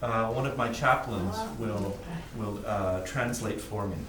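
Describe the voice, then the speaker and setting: A man with a Western Canadian English accent giving a personal testimony in short, plain phrases, pausing for translation. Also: on the low side, a bit bright. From British Columbia, Canada. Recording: distant mic in echoey room, faint noise.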